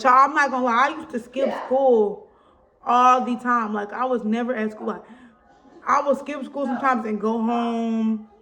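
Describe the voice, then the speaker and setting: A young woman talks straight to her viewers in a casual storytime vlog. Her voice sits a little high, and she talks bluntly and chattily. She recorded it at home. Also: fairly bright tone. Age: young adult. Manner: chatty, blunt, frequent "like" and "y'all". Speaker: vlogger. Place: home, with a baby nearby.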